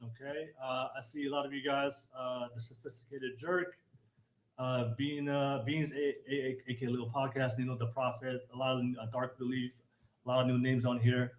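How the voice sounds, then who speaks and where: Male live-stream host, muffled as if through a wall, roomy echo, halting delivery with fillers. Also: mid-range voice, flat delivery, background noise. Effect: muffled and quiet, as if heard through a wall. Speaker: podcast host. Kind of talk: casual live stream chat.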